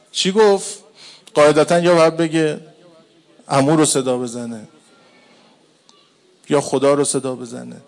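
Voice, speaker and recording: A man preaching a mourning sermon, chanting Arabic quotations slowly before explaining each one in everyday speech. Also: fairly high pitch.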